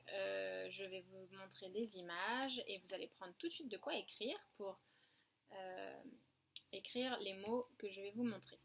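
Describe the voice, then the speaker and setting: Woman, kindergarten teacher, home video lesson, very slow pace, gravelly voice, patient repetition. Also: mid-range voice, fairly bright tone, slight background noise. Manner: slow, patient instructions, counting aloud and repeating words.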